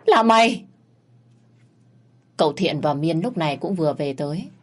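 A woman narrating a period drama story in a steady storytelling voice. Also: sits low, fast talker, breathy edge.

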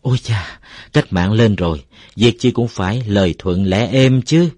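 A man's voice: lowish voice, moderate pace, a little mellow, no echo, natural voice. Brief: man playing a breathless, fussy teacher from a village tale, dry close mic. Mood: flustered.

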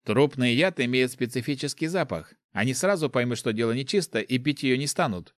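A man voicing a grumpy, hard-drinking male paladin who is quick to anger, in a storybook reading. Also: mid-range voice, lively intonation, no echo, studio quality, lightly acted. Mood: grumbling.

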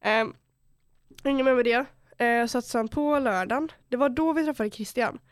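A woman's voice: a little high, clear, resonant tone, no echo, clean studio sound. A teenage girl from Borås, telling a story on a podcast with lots of slang, swearing and acted-out quotes. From Borås, Sweden. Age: teenager under eighteen. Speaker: podcast host. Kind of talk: casual storytelling chat.

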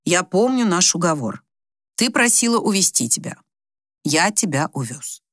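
A woman's voice: lowish voice, very animated, moderate pace, a bit bright, no room sound. A woman reading an audiobook, voicing a dry-joking male doctor husband who talks to his wife steadily and reassuringly. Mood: calm, puzzled. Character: wry, teasing male doctor husband, patient and calm.

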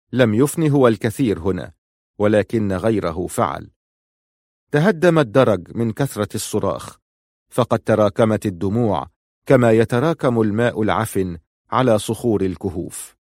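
A man reading a novel aloud in steady, measured scripted narration. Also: lowish voice, no echo, clean studio sound.

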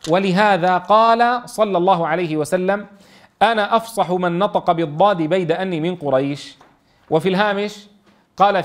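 Man, high-pitched, Quran recitation teacher, lesson, rhetorical questions. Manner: reads quoted verses slowly, then explains in dialect with rhetorical questions. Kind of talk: classroom lesson explaining a tajweed text.

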